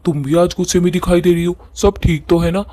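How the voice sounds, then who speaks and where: A man's voice: high voice, level tone, fast, warm tone, no room sound, natural voice. Man doing a cheeky, persistent young suitor. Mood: pestering.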